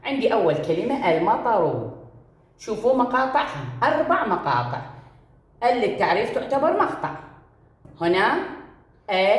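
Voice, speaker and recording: A woman's voice: mid-range voice, roomy sound. A woman teacher with an Iraqi Arabic accent giving a reading lesson to first graders, drawing out words and repeating each one. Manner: reads words slowly syllable by syllable, repeating each. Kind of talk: recorded reading lesson for young pupils.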